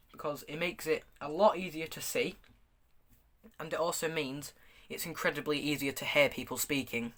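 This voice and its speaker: Guy doing a casual gear review, kinda high bright voice, stumbles and restarts a bit. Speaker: gas mask reviewer. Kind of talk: casual product review, showing items to camera.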